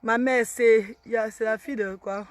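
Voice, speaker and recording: A woman, selling products on a casual live stream in loud sing-song sales calls with chatty asides to commenters. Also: a little high, steady tone, normal speed, dry recording. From Cameroon. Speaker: online seller on a live stream.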